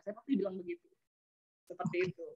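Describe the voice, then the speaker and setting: Quick chatty woman host telling stories, lo-fi online call sound. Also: mid-range voice. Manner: animated storytelling with chatty asides. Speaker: business mentor and webinar host. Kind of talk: lively talk to an online audience.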